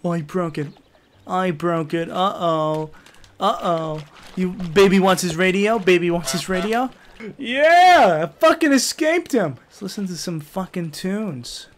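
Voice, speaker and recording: A young man commentating a game in a rowdy, profane way, yelling taunts at the characters. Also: sits high, fairly even intonation, a little slow, slight background noise. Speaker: gaming YouTuber.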